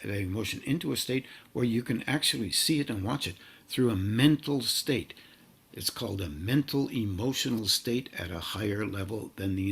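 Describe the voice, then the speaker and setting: A man giving a meditative spiritual talk in slow, halting, drawn-out phrases. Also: mid-range voice, vocal fry, husky. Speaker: spiritual teacher.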